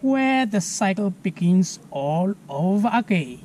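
A South African environmental educator in his thirties gives a children's science lesson outdoors on a lawn, speaking slowly and clearly with lively rises and falls in pitch. He pauses to ask viewers to spell new words, and his camera mic picks up faint background noise.

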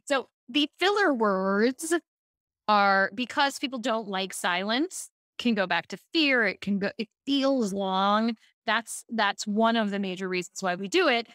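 A middle-aged woman coach in a podcast interview, high-energy and fast in bursts, with restarts. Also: a bit bright, no echo, clean studio sound. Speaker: speaking coach guest.

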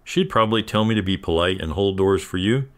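Male reader as a teasing older woman in a narrated story, deep and low. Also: animated, fairly quick, fairly bright tone, no echo.

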